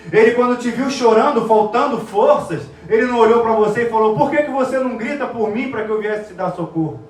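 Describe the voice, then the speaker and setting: High-voiced preacher in an echoey church. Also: male voice. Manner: emotive preaching, drops to near-whispers on key words. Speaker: pastor. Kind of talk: sermon. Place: church sanctuary. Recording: echoey church from a distant mic.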